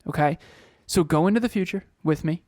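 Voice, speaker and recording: A man in his thirties co-hosts a motivational podcast, speaking energetically, repeating phrases and firing off rhetorical questions. His voice is on the high side and fairly quick, with a darkish tone. The recording is dry and of studio quality.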